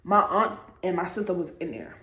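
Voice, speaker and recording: A woman's voice: fairly low pitch, animated, normal speed, fairly bright tone. Young woman vlogger chatting to camera, storytime vibe, lots of "like" and "okay?", voice bouncing around a roomy space. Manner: conversational, frequent "okay?" and "like" asides to viewers. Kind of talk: casual personal storytelling to camera. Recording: roomy echo.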